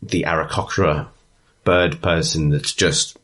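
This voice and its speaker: Low husky-voiced game master. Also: male voice, steady tone, slow pace, a bit bright. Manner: descriptive, chatty, laughs often, with frequent restarts. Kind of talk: narrating a tabletop game.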